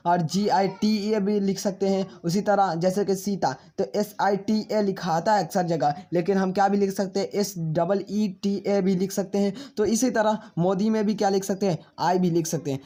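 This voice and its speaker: A man with a high, mellow voice teaches a spelling lesson, spelling names slowly letter by letter. He answers his own questions and addresses viewers as friends.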